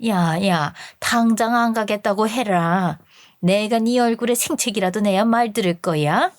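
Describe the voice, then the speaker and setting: A woman's voice: medium pitch, measured pace, no echo, clean studio sound, lightly acted. A woman voicing a domineering, snobbish older mother-in-law who scolds and sneers at her daughter-in-law in a radio story drama. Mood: furious. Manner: scolding, contemptuous.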